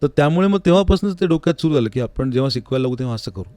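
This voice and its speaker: Racing along with lively intonation, this man has a fairly high, mellow, clean-toned voice. He's an interview guest and music teacher explaining things earnestly and reflectively, in conversation. It's recorded in a studio, dry and close, without echo.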